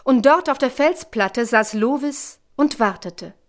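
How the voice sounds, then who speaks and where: Female storybook narrator: gentle, expressive, slightly high, slow. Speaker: audiobook narrator.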